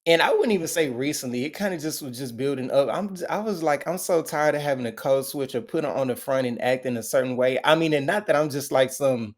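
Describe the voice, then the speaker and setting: A man's voice: medium pitch, fast talker, few pauses. A young man with a Southern American accent, a guest talking earnestly and casually in an interview. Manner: earnest, relaxed, with many fillers. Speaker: guest athlete.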